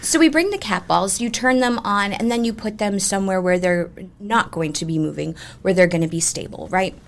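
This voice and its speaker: A woman ghost tour guide chatting in an animated, emphatic way as she tells ghost stories in an interview. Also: medium pitch, a little fast, gravelly, a little hiss or hum. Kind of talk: conversational ghost storytelling.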